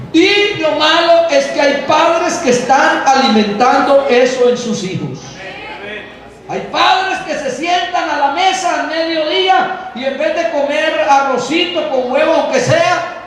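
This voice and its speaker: A man preaching a lively sermon to a congregation in a church hall, playfully mimicking the excuses of young people. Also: very high voice, measured pace. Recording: very echoey hall, voice from far off, faint noise.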